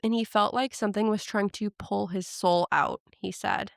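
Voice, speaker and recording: A woman's voice: mid-range voice, steady tone, normal speed, vocal fry, no echo, studio quality. A woman podcast host retelling a story in casual chat, with frequent "like" fillers.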